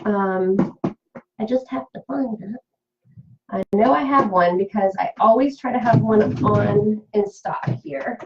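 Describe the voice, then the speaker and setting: A woman's voice: medium pitch, a little slow, dull audio. A woman leading a live-streamed craft tutorial, chatty and full of fillers, answering viewers' comments as she works. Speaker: craft demonstrator and seller.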